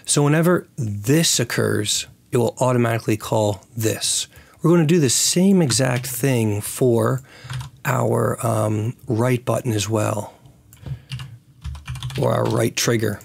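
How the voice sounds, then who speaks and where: Hoarse, raspy man presenting a tutorial. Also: medium pitch, slow pace. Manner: thinks aloud while working. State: hoarse, recovering from lost voice. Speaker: tutorial host. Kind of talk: casual screen-recorded programming tutorial.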